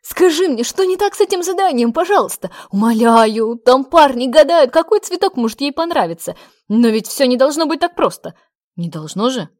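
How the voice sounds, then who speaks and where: An excitable young man, pitched high and loud, who keeps pleading and begging for help, as a woman reading the storybook puts him on. His voice stays strained with eagerness, close and dry with no room sound. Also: normal speed, no echo.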